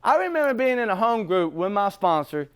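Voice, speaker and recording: A man's voice: high voice, big pitch swings, brisk, fairly bright tone, smooth. A man giving an unscripted, profane personal share at a recovery meeting. He talks emphatically, repeats and restarts himself, and laughs between points. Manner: rambling with restarts and repetition. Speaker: speaker sharing at a recovery meeting.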